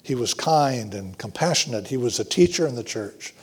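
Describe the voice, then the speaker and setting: A middle-aged man preaching a sermon to his congregation, earnest and emphatic with frequent pauses and restarts. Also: mid-range voice, expressive, slightly rough. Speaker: pastor.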